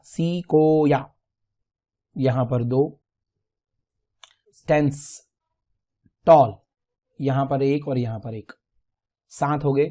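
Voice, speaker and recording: A male teacher explaining a textbook lesson to children, reading English lines slowly and then explaining them in Hindi with lively exclamations. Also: medium pitch.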